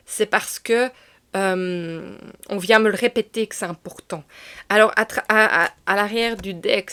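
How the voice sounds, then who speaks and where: A woman talks through a tarot card reading in an unhurried, intimate way. Her voice often sinks to a murmur or a near-whisper, then lifts with sudden enthusiasm. Her pitch sits in a middle register. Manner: soft-spoken, dropping to murmurs and whispers, bursts of excitement. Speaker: tarot card reader and medium. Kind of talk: casual spiritual card reading.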